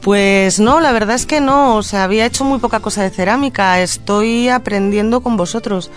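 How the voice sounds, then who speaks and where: A woman from Madrid speaks as a guest in a radio studio, earnest and reflective. She pauses often to gather her thoughts, with soft music faint behind her. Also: mid-range voice. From Madrid, Spain. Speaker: guest, social educator and puppeteer. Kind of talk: radio interview, answering questions.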